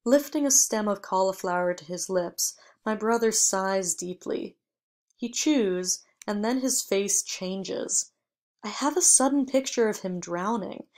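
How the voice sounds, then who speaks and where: A woman reading a short story aloud in measured, even first-person audiobook narration. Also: medium pitch. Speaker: audiobook reader.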